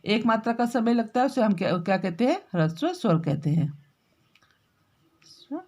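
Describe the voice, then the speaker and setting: A woman teacher giving a grammar lesson, dictating notes slowly and repeating words as she writes, with frequent checking tags to her pupils. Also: fairly high pitch, animated, darkish tone. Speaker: school teacher. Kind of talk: classroom grammar lesson while writing.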